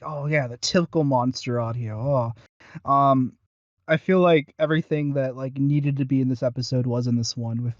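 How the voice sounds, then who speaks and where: On a dry, lo-fi recording, a man with a mid-range voice co-hosts a podcast reviewing audio dramas. He talks casually and somewhat hesitantly.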